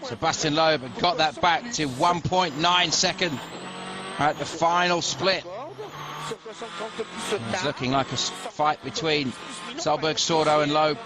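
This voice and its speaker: A man's voice: fairly high pitch, fairly even intonation, unhurried, long pauses. A man giving rally commentary as a motorsport commentator, explaining the driving in an admiring way. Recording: very loud engine noise behind voice. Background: roaring rally car onboard sound.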